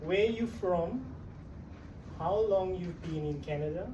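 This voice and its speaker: A man's voice: high voice, slow. A man teaching a class, giving brief encouraging prompts. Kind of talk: leading a class. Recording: echoey room, far from mic, background noise.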